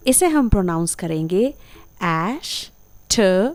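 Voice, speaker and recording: A woman's voice: mid-range voice, animated, unhurried, a little mellow. Lady teacher, patient voice-over, says every word twice real carefully. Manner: patient, repeats each term carefully. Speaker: English teacher. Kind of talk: slow explanatory lesson.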